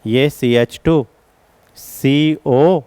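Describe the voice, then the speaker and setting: A man's voice: mid-range voice, drawn-out words, warm tone, clean tone, dry recording. A man teaching chemistry as a classroom lecture, explaining each step and calling his students children.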